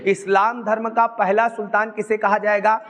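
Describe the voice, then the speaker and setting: Male teacher, high voice, class q&a style, echoey classroom. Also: level tone, moderate pace, a bit bright. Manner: storytelling with call-and-response questions. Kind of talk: classroom history lesson.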